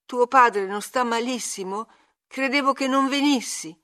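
A woman's voice: a little high, a little slow, a bit bright, voice pushed up. A woman reading an audiobook, voicing a frail, frightened young man who speaks in a broken, pleading voice.

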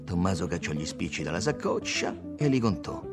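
A man giving a theatrical, expressive reading of a literary novel on a studio mic. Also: sits low, normal speed, over loud music. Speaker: audiobook reader.

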